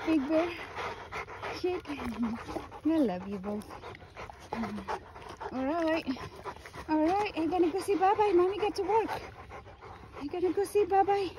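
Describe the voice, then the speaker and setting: Woman, high voice, slow unhurried talk, coaxing sing-song with pets, noisy outdoor phone recording. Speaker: dog owner vlogger. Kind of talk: casual vlog talking to her dogs. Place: outdoors at home with dogs.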